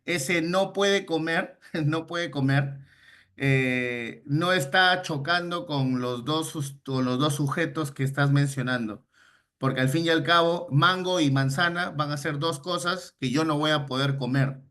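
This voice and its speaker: Man, online grammar teacher, bright forceful tone, patient explaining, frequent check-in questions. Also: a little high, unhurried. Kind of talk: online class on Spanish grammar.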